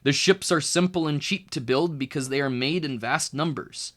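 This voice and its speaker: A man whose voice sits on the high side reads a children's book aloud as a tutor. The narration is lively and educational, carefully phrased, with key words emphasized.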